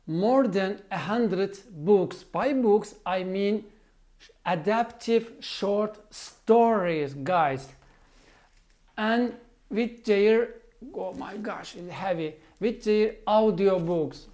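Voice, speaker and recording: A woman in her forties, not a native English speaker, giving casual language-learning advice in an unhurried, hesitant way with frequent fillers and restarts. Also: medium pitch, a little mellow. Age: 40s. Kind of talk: casual advice talk to camera.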